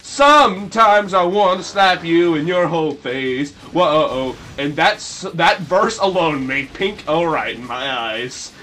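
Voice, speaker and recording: A man giving casual, goofy gameplay commentary, rambling and breaking into sudden shrill yelps. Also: animated, measured pace, few pauses, sharp tone. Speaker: let's play commentator.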